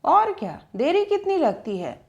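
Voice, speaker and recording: A woman's voice: extremely high pitch, very animated, unhurried, creaky, dull audio, voice pushed up, exaggerated voice. A woman voicing a cheeky young male chauffeur who teases and coaxes in a playful, mocking way. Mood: teasing.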